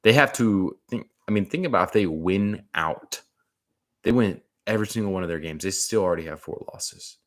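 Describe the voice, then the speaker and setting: A man with a very deep voice talks football in a loose, rambling way. He piles on slang like "man", "dude" and "bro" and often restarts his sentences. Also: expressive, normal speed, a bit bright. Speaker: sports commentator. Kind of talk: casual sports talk.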